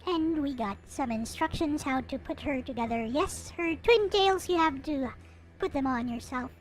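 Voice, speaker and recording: A streamer presents her anime figure collection over background music, keeping the commentary light, casual, and playful. She speaks at a moderate pace in a voice that sits high, and the recording quality is rough.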